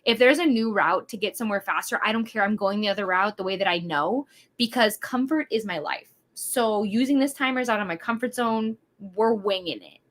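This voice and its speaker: Speaking fairly quickly at a medium pitch, this livestream host from Wisconsin comes across as hyper and over-caffeinated. She's bubbly and talkative, rambling on with lots of filler words in a casual stream.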